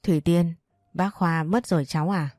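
A woman's voice: lowish voice, normal speed, warm tone, no room sound, studio quality, close to an everyday voice. A woman voicing an older aunt who speaks through tears, choked but consoling, in a storybook reading.

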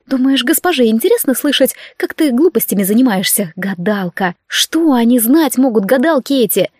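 A woman voicing a grumpy, sharp-tongued female servant who scolds with scorn. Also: a little high, expressive, moderate pace, no echo, studio quality. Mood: scornful.

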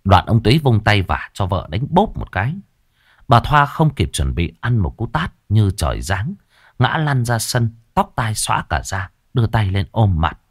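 A man narrating a dramatic village story in an expressive storytelling style. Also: on the low side, moderate pace, dry recording, studio quality.

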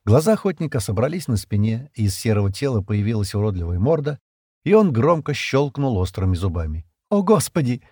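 A man reads a science fiction story aloud in a low voice with lively, dramatic rises and falls. His delivery is expressive and clear. The recording is close and dry, with no echo. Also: a little fast. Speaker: audiobook narrator. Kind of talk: scripted narration.

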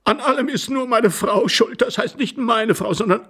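Man playing a desperate sobbing husband, stammering, pleading, pitched up, breaking voice, storybook reading. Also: normal speed, fairly bright tone, husky, exaggerated voice. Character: pleading, sobbing jealous husband caught in shame.

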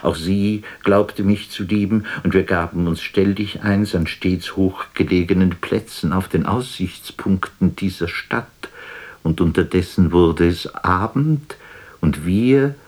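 A male actor with a low voice plays a melancholy, lonely poet in a literary radio drama. He speaks a little slowly, in a solemn, introspective, theatrical way, with a tender, melancholy mood.

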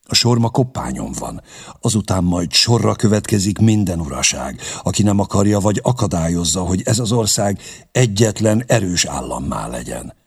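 A man voicing a stern, measured young king, grave and commanding, with a gravelly, husky voice. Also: low voice, very animated, full character voice.

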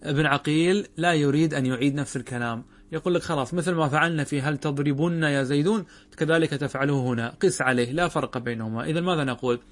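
A man teaching a grammar lesson as a sheikh. He explains step by step, poses questions and answers them himself, and draws out example words slowly. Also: on the high side.

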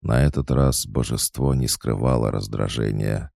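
A man narrating a dark fantasy audiobook in a measured, dramatic way. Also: rumbling low, steady tone, creaky, dry recording, clean studio sound.

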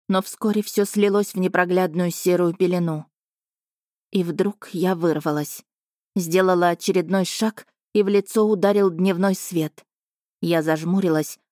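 A woman reads a first-person fantasy audiobook in a slightly low voice. The recording is close-miked and dry, with no room sound behind her. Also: a little mellow, no room sound. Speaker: audiobook narrator.

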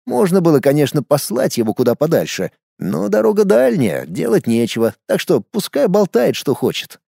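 A man's voice: fairly high pitch, huge pitch swings, normal speed, creaky, mellow, husky, no room sound, clean studio sound. Man reading a first-person audiobook. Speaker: audiobook narrator.

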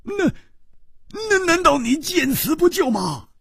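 Hu Tiehua, a man doing a loud, hot-headed swordsman. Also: big pitch swings, measured pace, no echo, clean studio sound, full character voice. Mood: indignant. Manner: shouting, indignant, high-pitched bursts.

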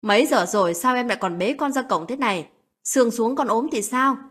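A woman voicing a young husband, drunk and quick-tempered, who scolds his wife and argues with his mother in a spoken story. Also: a little high, expressive, husky, heavily acted. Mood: scolding. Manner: scolding, loud and blunt.

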